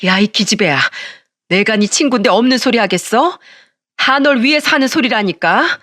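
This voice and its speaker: A woman's voice: fairly high pitch, expressive, normal speed, fairly bright tone, no echo, clean studio sound. A woman voicing a blunt, bossy middle-aged female school friend who scolds and accuses in a Korean storytelling recording. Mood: scolding. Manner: brash, scolding.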